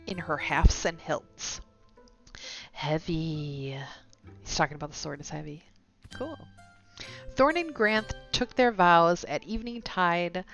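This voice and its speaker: On a live stream, a woman reads a game's story text aloud, stumbling a little and chatting to viewers in asides. Her voice sits on the low side with a fairly bright tone, and the lo-fi, dull recording has game music behind it.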